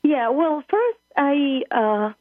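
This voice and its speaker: Her voice sits high and sing-song, moving at a slow pace with no echo, over a tinny phone line. She's an Argentine woman in her forties, a native Spanish speaker with an Argentine accent. As a spiritual travel leader on a phone-in interview, she earnestly hunts for English words.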